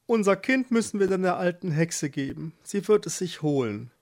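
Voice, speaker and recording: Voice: medium pitch, animated, normal speed, darkish tone, pitched above the performer's own voice, close to an everyday voice. A narrator voicing a worried young husband in a storybook, earnestly persuading. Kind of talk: storybook reading.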